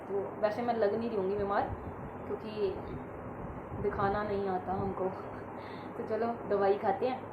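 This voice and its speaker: At home and feverish, a woman vlogger chats casually to a camera set in front of her, speaking directly to her viewers. Her mid-range voice stays steady and unhurried. The room is echoey, and the sound is dull and noisy.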